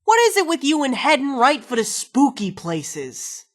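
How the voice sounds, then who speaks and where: Sarcastic female game companion, foul-mouthed, irreverent, slightly high voice, very lively intonation. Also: measured pace, full character voice. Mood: sardonic. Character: wisecracking, foul-mouthed, jumpy woman companion in power armor. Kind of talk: video game companion dialogue.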